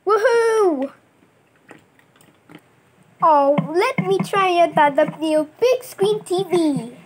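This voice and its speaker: A woman tells a toy play story in a very high voice. She takes her time, drawing out each line and filling the scenes with sing-song sound effects and little character voices. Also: lively intonation, slow pace, a little mellow.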